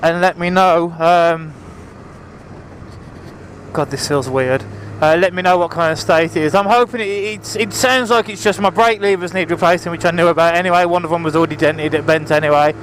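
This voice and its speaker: Over the roar of his engine, a man vlogs from his motorbike on the road, chatting casually in a rambling, apologetic manner and speaking up to be heard. He sounds a little high, fairly quick and fairly bright, with fairly even intonation. A helmet mic with the visor open picks up wind and traffic too.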